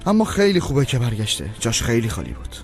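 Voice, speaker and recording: An actor playing a calm father who defends his son to his wife in a dubbed TV drama. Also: medium pitch. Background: music.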